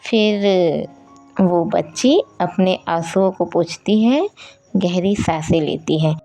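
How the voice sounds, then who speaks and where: Slow, mellow-voiced woman storyteller. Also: on the low side, faint music behind. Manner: slow, unhurried telling. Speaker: channel host and story narrator. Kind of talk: storytelling narration.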